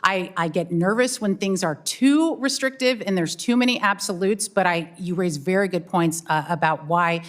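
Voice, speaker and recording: A woman giving formal testimony as an expert witness, measured and diplomatic, with a hesitant delivery. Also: on the low side.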